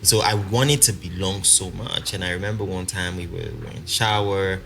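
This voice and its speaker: In a casual storytelling interview, a young man from Congo with a South African accent shares his life story as a podcast guest, animated and laughing, with lots of fillers. His voice is low-pitched and gravelly at a moderate pace, and there is a little hiss or hum.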